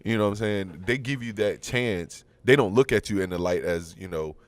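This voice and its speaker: Deep-voiced young man, halting talk. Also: no echo. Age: young adult. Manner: halting, restarts often, says "I mean". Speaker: guest. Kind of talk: casual chat.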